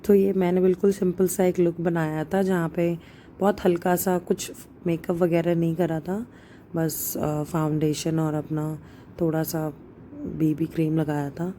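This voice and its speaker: A woman's voice: fairly low pitch, fairly even intonation, unhurried, warm tone, a little hiss or hum. A young woman chatting casually as she narrates her vlog, with many fillers and English words mixed in. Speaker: vlogger.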